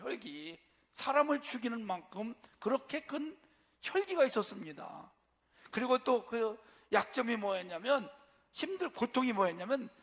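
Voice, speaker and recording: Pastor, male, higher voice, preaching from the pulpit and answering his own questions, long church echo. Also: fairly bright tone. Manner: asks rhetorical questions and answers them. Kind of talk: sermon. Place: church sanctuary.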